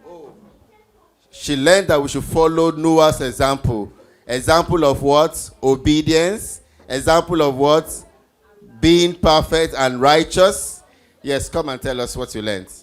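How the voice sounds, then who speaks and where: A man with a higher-leaning voice and a slow pace runs interactive Bible trivia for children on an event stage. Encouraging and instructive, he keeps asking questions and repeating the answers back.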